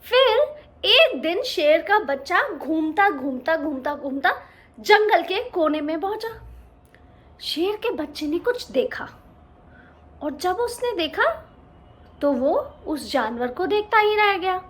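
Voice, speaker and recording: A woman's voice: very high-pitched, very animated, takes it slowly, a bit bright. A woman narrating a children's story expressively, asking her young listeners questions.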